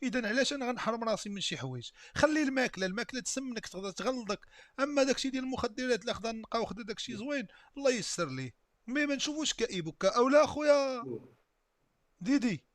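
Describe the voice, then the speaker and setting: A man's voice: extremely high pitch, animated, very fast. A man with a Moroccan accent hosting a live stream, bantering and teasing a caller in casual chat.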